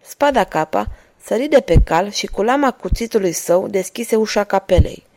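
A woman's voice: mid-range voice, lively intonation, darkish tone. Woman reading a novel aloud. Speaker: audiobook narrator. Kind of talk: scripted narration.

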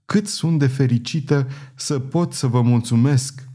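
A man's voice: mid-range voice, dark tone, natural voice. A man voicing a timid, tearful young girl who speaks hesitantly and shyly, in a storybook reading. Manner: hesitant, trembling, shy.

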